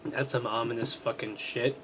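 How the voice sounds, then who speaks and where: A man's voice: mid-range voice, steady tone, normal speed, bright, forceful tone, slight background noise, low-quality recording. A man reading through a game as a let's player, with profane, self-mocking comic asides. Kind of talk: comedic game commentary.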